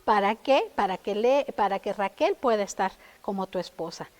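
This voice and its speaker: A woman putting on a crafty older father-in-law who bargains and pleads, wheedling in a voice set a little lower than her own. He sounds like a figure in a retold scripture story. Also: lively intonation, normal speed, natural voice.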